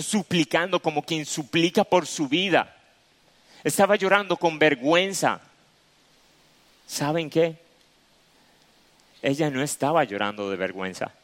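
Man, preacher, sermon, raised pitch, explains point by point, long hall reverb. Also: a bit bright. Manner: explains step by step, repeats key phrases.

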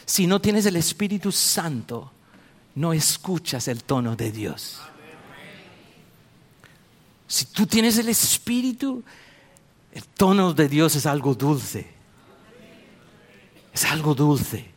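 Guy preaching a sermon, pretty high voice, animated storytelling that builds up loud. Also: takes it slowly, long pauses. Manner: animated storytelling, rising to emphatic exhortation. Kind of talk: sermon with anecdotes.

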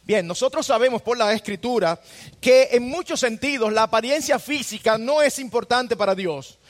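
A man with a strikingly high voice preaches a sermon to his congregation. He speaks earnestly and keeps turning to his listeners with direct questions. His voice rings out with a long reverb from a church hall. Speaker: pastor.

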